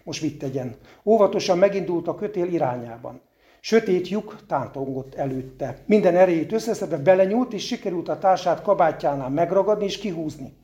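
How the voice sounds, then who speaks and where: A man's voice: fairly high pitch, warm tone. A man reading a story aloud to listeners, with a few unpolished, self-deprecating asides at the end. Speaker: reader.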